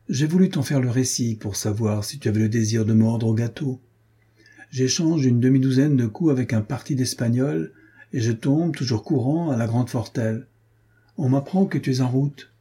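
Boisterous swaggering cavalier, breathless, higher and loud, dark husky tone, a man acting it out. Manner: loud, hearty, teasing.

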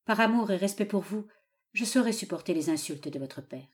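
A woman's voice: mid-range voice, expressive, a little fast, darkish tone, lightly acted. A woman reading aloud, voicing a proud young foreign man who holds back his anger. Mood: restrained. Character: proud young Italian exile, dignified.

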